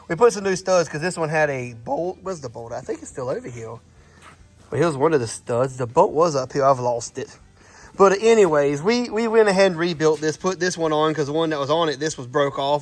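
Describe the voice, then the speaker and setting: A man with a Southern US accent talks in a fairly high, congested voice. He rambles like a folksy vlogger showing things to the camera, grumbling and correcting himself as he goes. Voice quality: congested, snotty from a sinus infection. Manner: folksy, griping, self-correcting. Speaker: host of an off-road vehicle repair channel. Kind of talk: casual rambling vlog, showing parts to camera.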